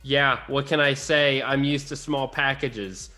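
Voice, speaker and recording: A young man co-hosting a gaming podcast, excitable and teasing in casual banter. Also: mid-range voice, unhurried, soft background music. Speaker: podcast co-host.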